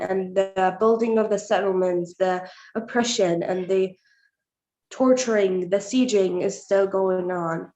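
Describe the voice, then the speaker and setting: A woman guest speaking over glitchy, cutting-out online call audio, hesitant and halting with many fillers. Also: medium pitch, a little mellow. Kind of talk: online protest talk. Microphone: remote video call. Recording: muffled echoey call audio with faint music.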